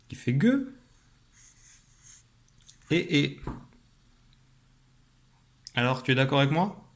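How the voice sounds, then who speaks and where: Patient and clear, a medium-pitched male primary school teacher explains a spelling rule to a young pupil over an online lesson, easing his speed whenever he demonstrates.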